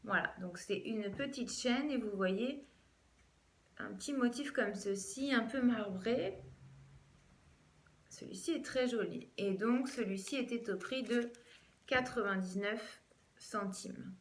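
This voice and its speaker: Chatty woman with a high voice, echoey room. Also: slow, long pauses. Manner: chatty, hesitant with many fillers. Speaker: fashion vlogger.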